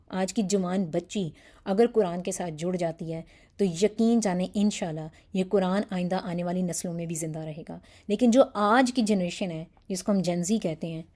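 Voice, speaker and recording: A woman's voice: on the low side, dark tone. A woman teaching a Quran lesson in Urdu with a Pakistani accent, speaking earnestly and with feeling, mixing in English words. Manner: earnest, pleading, acts out examples.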